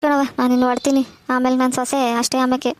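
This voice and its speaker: A woman's voice: sits high, flat delivery, rapid-fire, natural voice. A woman voicing a bitter, complaining old village widow with a rural Karnataka Kannada accent, full of sayings. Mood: advising.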